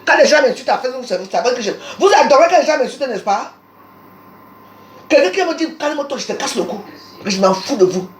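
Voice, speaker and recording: Une femme camerounaise à l'accent du Cameroun qui lance une diatribe agressive en direct sur un réseau social, répétant ses insultes, enregistrée au téléphone. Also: female voice, high-pitched, lively intonation, fast, a little hiss or hum. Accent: Cameroonian French. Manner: combative, insulting, repetitive. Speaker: social media personality. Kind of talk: angry live social media rant. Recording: roomy echo.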